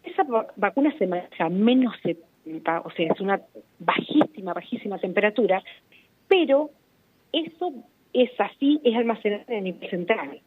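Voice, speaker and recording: A woman's voice: medium pitch, lively intonation, slightly rough, dry recording. Woman on a breaking-up phone line. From Argentina. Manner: explanatory, halting, with restarts. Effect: breaking-up phone line with dropouts. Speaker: provincial vaccination official. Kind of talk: phone-in radio interview. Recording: tinny dry phone line.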